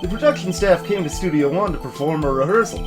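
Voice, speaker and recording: A man voicing a gruff, folksy, bumbling male police detective in a fan-voiced game playthrough, tagging his lines with "see?". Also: fairly high pitch, lively intonation, quick pace, voice pushed up, natural voice. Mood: explaining. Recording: music playing behind the voice.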